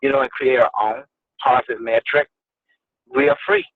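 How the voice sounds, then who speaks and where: A man explaining insistently, his voice jumping up high on key words. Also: fairly even intonation, moderate pace, dry recording. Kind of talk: casual explanatory talk. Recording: tinny phone line.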